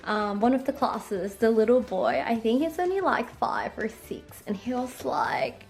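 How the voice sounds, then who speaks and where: A woman's voice: on the high side, lively intonation, measured pace, darkish tone, faint music behind. A young woman chatting casually in her vlog, bubbly and full of "like". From Australia. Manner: bubbly, chatty, heavy use of "like". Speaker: vlogger and English teacher. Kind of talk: casual vlog chat and voice-over.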